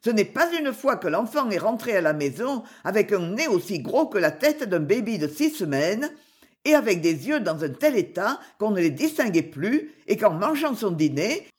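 A woman's voice: mid-range voice, very animated, moderate pace, close to an everyday voice. A woman reading as a prim, long-winded shopkeeping lady. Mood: aggrieved. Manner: dignified, long-winded complaining. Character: prim middle-aged woman running a London shop.

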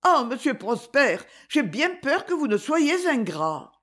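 A tender young woman in love speaks in a raised, pleading tone that swings widely in pitch, as a female reader puts her on. She sounds emotional and earnest, like a storybook heroine. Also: sing-song, a little slow, fairly bright tone, exaggerated voice.

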